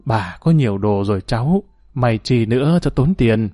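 A man voicing a gentle, modest old village grandmother who speaks softly and tenderly in a storybook narration. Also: mid-range voice, animated, moderate pace, no room sound, studio quality, faint music behind, natural voice. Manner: soft, tender, gently scolding.

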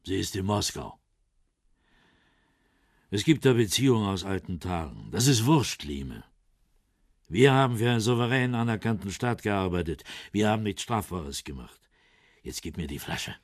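Again voicing the heavyset older ex-Stasi-style intelligence officer of a radio crime drama, the actor sounds defiant and weary, sardonic and defensive as he halts between pride and evasion. His fairly low male voice swings widely in pitch, captured dry at studio quality.

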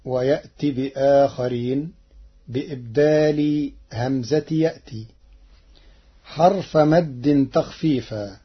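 A man's voice: fairly high pitch, breathy edge, highs cut off. A man giving methodical explanatory commentary on Quran recitation variants, from an archival radio broadcast. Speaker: recitation presenter.

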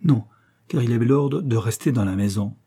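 A man voicing a desperate young gentleman who feels hunted by fate, telling his story anxiously. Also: mid-range voice, moderate pace, husky.

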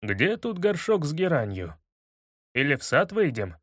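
A man's voice: fairly high pitch, sing-song, a bit bright, no room sound, studio quality, full character voice. Man reading as a gloomy detective. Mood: glum. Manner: glum, measured. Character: gloomy adult male detective. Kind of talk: audiobook character reading.

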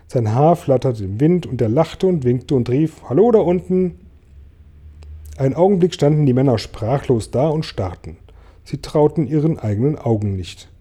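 A man reading a children's book aloud with lively storytelling. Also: mid-range voice, slightly rough. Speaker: audiobook reader.

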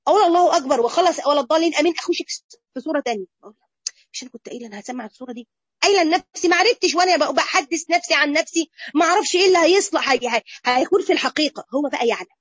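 Egyptian woman, religious teacher, high, fast, chatty lecture, dull dry tape. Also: no room sound. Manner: animated and conversational, addresses the audience directly. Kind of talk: lively colloquial lecture to a women's group.

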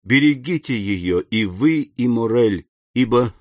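A man reading aloud and voicing a grave, restrained nobleman who speaks low and solemnly. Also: animated, slow, darkish tone, dry recording.

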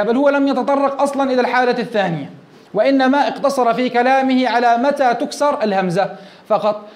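A man, a sheikh, teaching a grammar lesson step by step, asking the class questions and then answering them himself. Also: extremely high pitch. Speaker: Islamic scholar teaching Arabic grammar.

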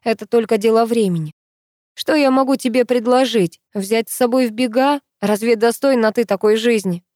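A woman's voice: on the high side, normal speed, darkish tone, dry recording, studio quality, voice pushed up, natural voice. A woman reading an audiobook, voicing a desperate young man who speaks in a harsh, pleading way. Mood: bitter.

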